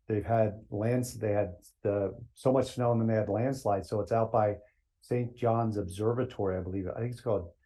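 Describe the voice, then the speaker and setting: A man talking as a podcast guest, telling energetic stories and laughing often. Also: lowish voice. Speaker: floral greens sales executive guest. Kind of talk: casual podcast chat, storytelling.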